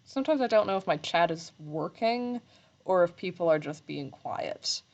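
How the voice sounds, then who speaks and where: A woman's voice: expressive, normal speed. Rambling, self-mocking woman streamer, dull audio. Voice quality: slight vocal fry when talking low. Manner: rambling, self-deprecating, laughs often. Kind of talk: casual live-stream chat while sewing. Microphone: desk microphone.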